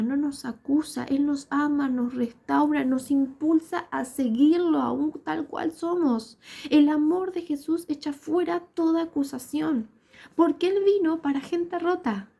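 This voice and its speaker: A woman's voice: high voice, gravelly, mellow. A woman with a Rioplatense Spanish accent preaching a sermon in earnest, repetitive, emphatic phrases.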